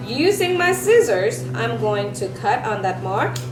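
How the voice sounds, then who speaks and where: Higher-voiced woman teaching kids in an echoey room. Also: sing-song, unhurried. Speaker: elementary science teacher presenting a craft tutorial. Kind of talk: step-by-step instructional demonstration for children. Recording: roomy echo with music behind.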